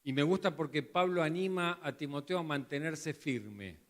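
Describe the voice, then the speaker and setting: A man's voice: on the high side, moderate pace, long reverb tail. A man pastor with a Rioplatense Spanish accent, preaching a sermon emphatically and repeating words for emphasis.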